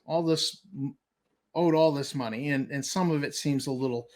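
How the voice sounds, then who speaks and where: Emphatic, higher-pitched man giving skeptical commentary. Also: normal speed, a little mellow. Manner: emphatic, repeating key points; incredulous, skeptical. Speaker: commentator host. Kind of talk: informal commentary reading through a document.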